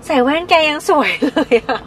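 A woman's voice: moderate pace, a bit bright, a little hiss or hum. A woman co-hosting a casual film review podcast, chatty and playful, often slipping into funny character voices. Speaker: podcast co-host.

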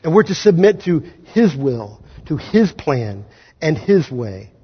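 A man preaching a sermon as pastor, talking conversationally and slipping into quick acted asides. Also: on the high side, very animated, husky. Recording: dull audio in a large hall.

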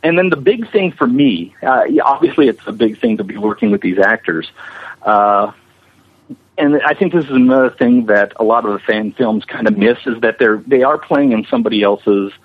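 This interviewee, a visual effects animator, has a mid-range, slightly rough voice with lively intonation and a normal speaking speed. He tells his stories casually and eagerly, chatting away. The audio is muffled and band-limited, like a radio feed.

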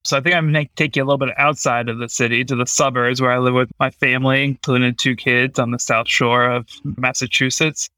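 Guy doctor on a podcast, bright sound, really even tone, dry close recording. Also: mid-range voice, a little fast, hardly any pauses, clear, resonant tone, dry recording. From United States. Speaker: cardiology fellow. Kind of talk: podcast case presentation.

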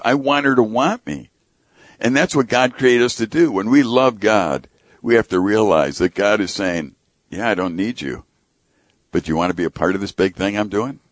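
Low-voiced man, earnest radio guest. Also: no echo. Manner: earnest, animated storytelling, acts out quotes. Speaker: ministry president and radio guest.

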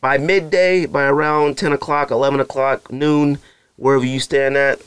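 At normal speed and with slight background noise, a married man in his adult years chats casually on his sneaker podcast in a mid-range voice. His solo talk is animated and jokey, aimed straight at listeners, and features an ad read.

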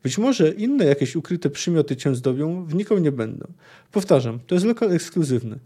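A stocky doorman turns guests away with cold, pompous courtesy, as a male reader plays him. He speaks a bit higher than the reader's own voice. The tone is dark and mellow. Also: sing-song, moderate pace, breathy edge. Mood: cold haughty. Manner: cold, pompous, formal speech.

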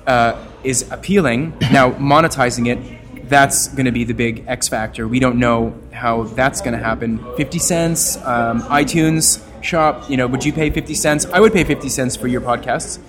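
Wordy, expressive man talking shop. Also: mid-range voice, moderate pace, crowd noise. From Canada. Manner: expressive, wordy, plays with his voice. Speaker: guest, journalist and podcaster. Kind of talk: casual interview talk.

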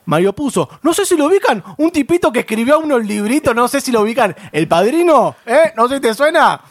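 An Argentine man with a high, swooping voice in a casual podcast debate. He argues emphatically, laying on sarcastic mock-grand praise. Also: sing-song, brisk, no echo, studio quality. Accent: Argentine Spanish. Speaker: podcast panelist.

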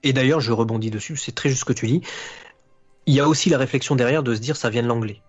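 On a relaxed podcast chat, a male guest who makes anime analysis videos on YouTube talks fast in a medium pitch, laying out his opinions at length while stumbling through fillers and restarts. Faint music sits in the background of a dull, lo-fi recording.

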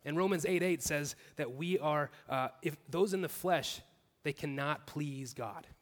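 A man's voice: on the high side, unhurried, in a large hall. A man preaching a sermon as pastor, earnest, building his points in repeated clauses. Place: church.

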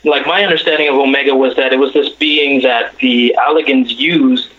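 A man's voice: medium pitch, fairly even intonation, normal speed. Rambling male caller over the phone. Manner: rambling, hesitant, lots of fillers. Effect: heard over the phone. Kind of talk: casual call-in chat. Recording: dull lo-fi phone line.

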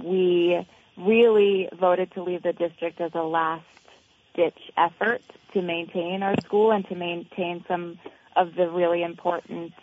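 A woman speaking as a guest in a phone interview, choosing her words carefully with halting pauses. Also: fairly low pitch, no echo. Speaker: interview guest, local parent. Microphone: telephone. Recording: tinny, narrow telephone line.

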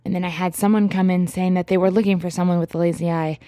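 A woman's voice: fairly low pitch, level tone, quick pace, mellow, no room sound, studio quality. Earnest woman player in a game. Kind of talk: casual tabletop game play.

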